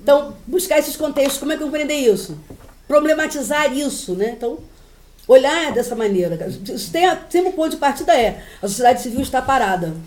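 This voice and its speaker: A woman giving a university class lecture in an animated, storytelling way. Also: high voice, quick pace, echoey room. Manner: animated, storytelling, laughing often.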